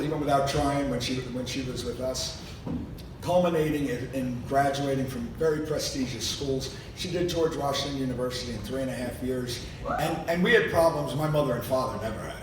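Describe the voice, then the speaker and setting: A man in his fifties or older, father of the bride, gives a casual wedding toast full of joking family anecdotes, acting out the quotes as he tells them. He's speaking to guests in a large reception room, and the recording is echoey and noisy, with a distant mic and a low rumble underneath.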